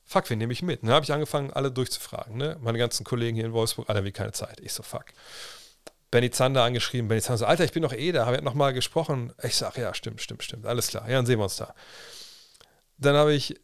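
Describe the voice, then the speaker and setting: A man's voice: medium pitch, fast, vocal fry, no echo, studio quality. A man in his thirties, telling a casual story on a livestream, chatty and full of slang and restarts. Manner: chatty, slangy, restarts and quoted self-talk. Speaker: livestream host.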